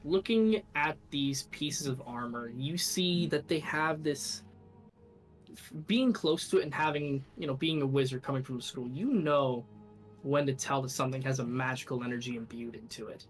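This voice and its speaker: A man running a tabletop game as game master, describing scenes in a relaxed way with fillers. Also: mid-range voice, moderate pace, soft background music.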